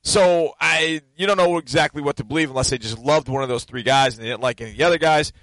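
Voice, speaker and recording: A self-assured man talking sports in a rambling, casual way, his voice a bit higher than most men's. The recording is dry and close to the mic. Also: fast talker, fairly bright tone, dry recording, poor audio. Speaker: co-host and draft analyst.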